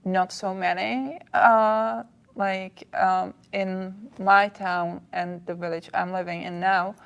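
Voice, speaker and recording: A young woman from the Czech Republic, a native Czech speaker, answering slowly and hesitantly in a casual interview. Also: mid-range voice, level tone, gravelly, a bit bright, clear, resonant tone, lo-fi sound. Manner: slow and hesitant, many fillers. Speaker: guest.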